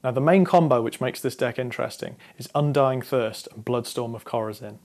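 Speaking straight to camera against a dark studio backdrop, a man in his twenties walks through card game strategy in a scripted explainer. His delivery is measured and instructive, in an ordinary mid-pitched voice with a darkish tone.

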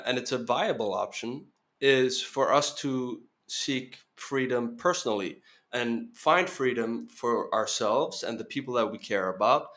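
A podcast guest in his thirties speaks earnestly in a casual interview, often restarting his sentences, with a slight Venezuelan Spanish tinge. His voice is medium-pitched and fairly bright.

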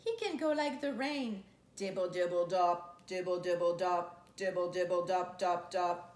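In a roomy, echoey living room with faint noise, a woman in her thirties sits on the couch and reads a children's picture book aloud to a camera a few feet away. Her voice is lowish and darkish, her pace measured, and she reads expressively, drawing out words and playfully imitating noises.

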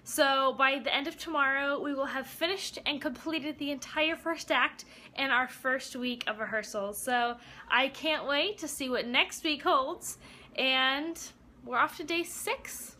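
A woman's voice: sits high, unhurried, bright, forceful tone. A young woman in a casual vlog, bubbly and enthusiastic, laughing often as she talks. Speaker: vlogger and ensemble cast member.

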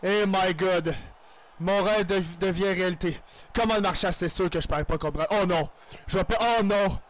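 A man with a Quebec French accent giving excitable play-by-play commentary on his own hockey video game, with loud outbursts and English exclamations. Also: high-pitched, moderate pace. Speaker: gaming YouTuber.

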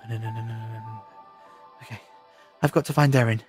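A man acting an eccentric, excitable time-travelling adventurer in an audio drama, theatrical and muttering to himself in stops and starts. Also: fairly low pitch, brisk, faint music behind, natural voice. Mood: flustered. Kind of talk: full-cast audio drama.

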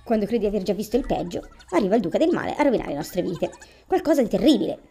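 A woman's voice: mid-range voice, very animated, racing, creaky, warm tone, slightly rough, exaggerated voice. Woman reading as a mournful, talkative old villager. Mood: lamenting. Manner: dramatic storytelling. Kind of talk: reading video game dialogue aloud. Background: video game music.

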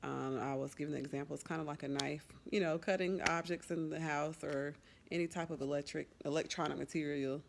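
A woman's voice: deep voice, fairly even intonation, fairly quick, vocal fry, noisy background. A young woman chatting casually to her camera at home for a family vlog, upbeat and rambling with fillers. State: out of breath. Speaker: family vlogger. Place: at home indoors.

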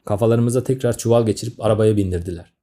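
A man's voice: fairly low pitch, steady tone, very fast, mellow. A man in his thirties narrating a comic story in a grumbling, sardonic manner. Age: 30s.

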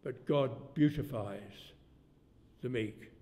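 Elderly preacher in a reverberant church. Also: male voice, mid-range voice, slow, dark tone. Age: 80s. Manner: folksy, rambling preacher with sudden rises in volume. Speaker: pastor. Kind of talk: sermon. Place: church hall.

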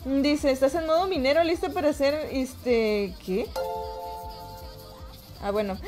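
High-voiced Mexican woman streamer. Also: measured pace, music in the background. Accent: Mexican Spanish. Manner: greets chat viewers by name, chatty and upbeat. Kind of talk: casual live-stream chat.

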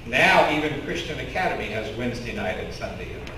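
With big pitch swings, a sharp tone, and fast delivery in a mid-range voice, a middle-aged Kentucky-accented pastor preaches, telling stories conversationally and gesturing with open hands. He stands before a curtain in a church sanctuary. Filmed from the congregation with a stand mic and headset mic, the audio is echoey, distant, with a little hiss or hum.

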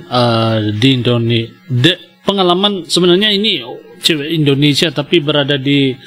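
A man's voice: on the high side, lively intonation, moderate pace, fairly bright tone, faint music behind. A man hosting a reaction video, chatting to his viewers in a friendly, casual way. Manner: friendly, addresses viewers as guys.

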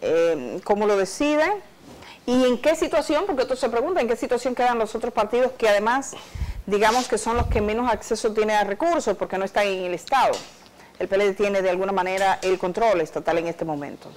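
A woman's voice: medium pitch, a little fast, a little mellow, slight background noise, low-quality recording. A woman hosting a TV studio interview, asking probing questions in a conversational way, recorded on a lapel mic. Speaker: TV host. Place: TV studio set.

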